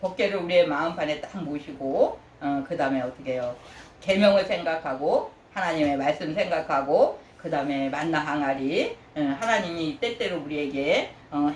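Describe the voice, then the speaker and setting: A woman pastor preaching a sermon, animated, often asking the congregation questions and acting out God's praise in a high voice. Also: slight background noise. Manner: asks the congregation questions, prompting with "예?". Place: church sanctuary. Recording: echoey church room, voice from a distant mic.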